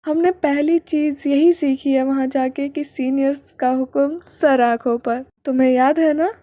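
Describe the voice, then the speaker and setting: A woman's voice: high voice, steady tone, a little slow, warm tone, dry recording. A woman storyteller voicing a dutiful, stubborn young male commando who answers in short, respectful replies. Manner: clipped, respectful.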